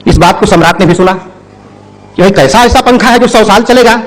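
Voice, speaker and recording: A man's voice: high-pitched, a little fast, poor audio. A man telling a moral story in a talk, acting out the characters' lines with animation. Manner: animated storyteller who acts out the quotes. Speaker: speaker.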